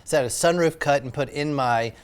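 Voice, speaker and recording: A man's voice: a little high, fast talker. A man, an oral surgeon hosting the show, chatting casually during a hot wings challenge and feeling the spicy heat, often ending lines with "right?". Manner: easygoing, tags lines with "right?". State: suffering from spicy food heat.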